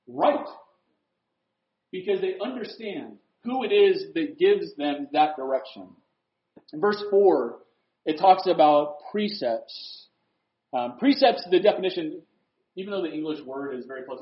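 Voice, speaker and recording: A man preaching a sermon in a conversational way, posing rhetorical questions and swinging between loud emphasis and quiet asides. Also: a little high. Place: room with a board. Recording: roomy, dull lo-fi recording.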